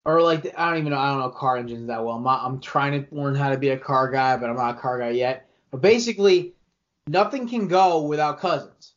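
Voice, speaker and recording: A young man co-hosting a sports podcast, giving rambling, animated opinions with frequent restarts. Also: medium pitch, brisk. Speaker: podcast co-host. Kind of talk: casual sports chat. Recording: dull lo-fi podcast audio.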